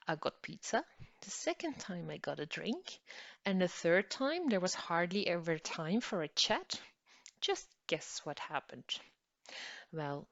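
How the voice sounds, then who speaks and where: A woman from northern Belgium teaches a psychology concept and then slips into a personal anecdote, acting out both sides of a conversation. Her voice sits low, and the recording is dry and slightly muffled, with no room sound. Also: no room sound. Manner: storytelling, acts out dialogue with lively pitch jumps. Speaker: lecturer. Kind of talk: educational talk with personal story.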